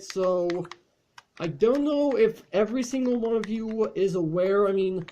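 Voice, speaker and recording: A man's voice: sits high, dark tone. A man chatting casually over gameplay as a channel host, rambling along with frequent fillers and restarts.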